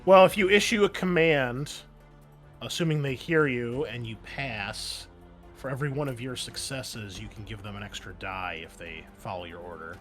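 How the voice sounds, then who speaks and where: This man's medium-pitched, fairly bright voice moves at normal speed as he game-masters a tabletop roleplaying game. His narration and refereeing are improvised and conversational, with background music underneath.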